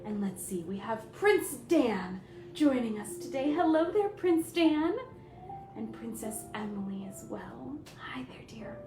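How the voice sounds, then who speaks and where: A woman's voice: fairly high pitch, animated, measured pace, far from the mic. A woman playing a sweet, cheerful young princess, hosting a live story-time and greeting children in a gushing, sing-song way with little delighted gasps. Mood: sweet, welcoming. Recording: echoey room, away from the mic, faint music.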